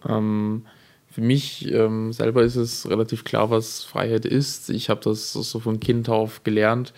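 A man's voice: on the low side, flat delivery, a little slow, darkish tone. A teenage boy hosting a youth radio discussion, hesitant with many fillers. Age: teens. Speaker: host.

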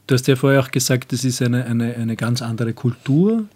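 A man's voice: medium pitch, fairly quick, a little mellow. A man hosting a community radio show for young people, asking friendly, encouraging questions. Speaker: radio host. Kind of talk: radio interview.

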